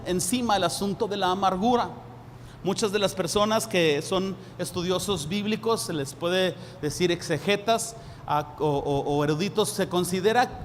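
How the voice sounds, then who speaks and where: A man preaching a sermon as a pastor, acting out lively dialogues in a raised voice. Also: sits high. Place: church hall. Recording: reverberant hall, faint room noise.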